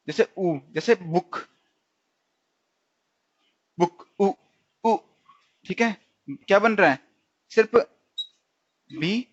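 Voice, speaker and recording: A man teaching stenography in a recorded tutorial, often repeating words and quizzing himself. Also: high-pitched. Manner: repeats and quizzes himself, frequent "theek hai". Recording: dull lo-fi recording.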